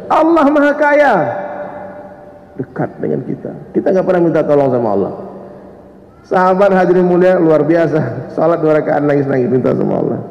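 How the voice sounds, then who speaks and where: A man preaching a mosque sermon, animated, speaking straight to his listeners and acting out the stories. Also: fairly high pitch, gravelly. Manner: animated, addresses listeners directly, acts out quotes. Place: large mosque hall. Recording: echoey hall, muffled sound.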